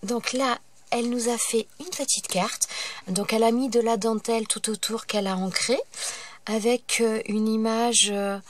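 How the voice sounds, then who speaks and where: A woman's voice: a little high, steady tone, normal speed, a little hiss or hum. A woman who hosts a craft channel, with a stuffy nose from a cold, chatting casually as she opens her mail and breaks into delighted exclamations. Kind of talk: casual mail-opening vlog.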